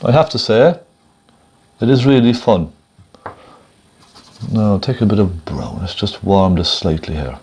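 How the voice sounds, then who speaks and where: A man giving a casual step-by-step painting demonstration as a gentle, encouraging instructor, thinking aloud in an unhurried way as he works. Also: fairly low pitch, breathy edge.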